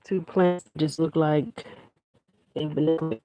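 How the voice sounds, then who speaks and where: Speaking slowly with fairly even intonation, this mid-range voice comes through lo-fi with no echo and soft music behind it. It belongs to an adult teacher of young children who rambles and restarts sentences while chatting casually on a handheld phone livestream, working out in a backyard garden. Outdoors, a running generator hums and vehicles can be heard.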